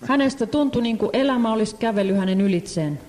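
Hesitant mellow-voiced interpreter in hall. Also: mid-range voice, lively intonation. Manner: hesitant, many fillers and restarts. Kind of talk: live sermon interpreting. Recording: echoey hall.

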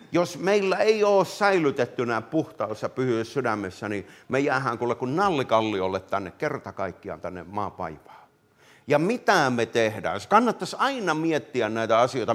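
A man preaching a fervent revivalist sermon, swinging from loud calls to hushed words and often addressing listeners directly. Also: mid-range voice. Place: meeting hall.

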